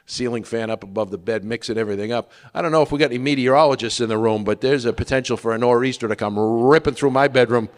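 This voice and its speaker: A man's voice: mid-range voice, fast talker, hardly any pauses. A man doing a stand-up comedy routine, telling wry stories and asking the audience questions. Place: stage in a large hall. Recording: long reverb of a theater hall.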